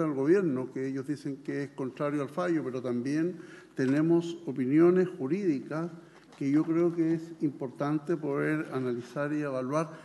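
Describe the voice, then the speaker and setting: Chilean lawmaker making his case, mellow and a bit high, echoey hall. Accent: Chilean Spanish. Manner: emphatic, argumentative. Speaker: legislator. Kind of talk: formal committee debate. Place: senate committee room. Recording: long reverb in a hall.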